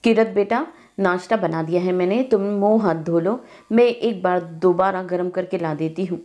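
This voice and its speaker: A woman voicing a gentle middle-aged mother who speaks softly and earnestly. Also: lowish voice, normal speed, lightly acted. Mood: tender. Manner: soft, calm, earnest.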